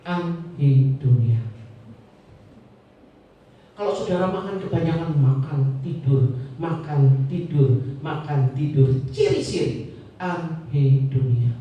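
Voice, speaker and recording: A male pastor preaching a sermon, telling the story dramatically with sudden shouts and hushed asides. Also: a little high, muffled recording. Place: church. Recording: very echoey church hall, far from mic.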